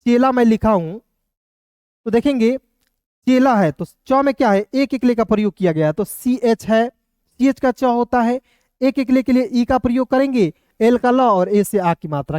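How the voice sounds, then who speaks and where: A man teaching English in a casual classroom lesson, asking viewers quick questions and answering them himself. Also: high voice, darkish tone, dry recording, studio quality. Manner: repeats rhetorical questions to viewers.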